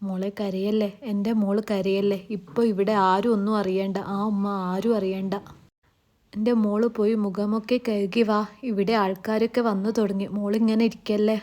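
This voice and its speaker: A woman's voice: medium pitch, flat delivery, normal speed, a little mellow, natural voice. A woman voicing a coaxing worried mother-in-law. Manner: coaxing, asks again and again. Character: kind, worried middle-aged mother-in-law.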